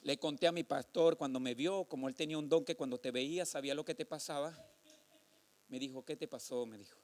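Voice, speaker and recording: A man preaching a sermon, telling a personal testimony and calling listeners brother, building to drawn-out shouted exhortation. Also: mid-range voice.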